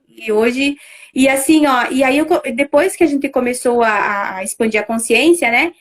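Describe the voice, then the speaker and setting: A middle-aged woman, talking casually on a live stream as a family constellation facilitator, full of fillers and restarts. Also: on the high side. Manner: conversational, many fillers and restarts.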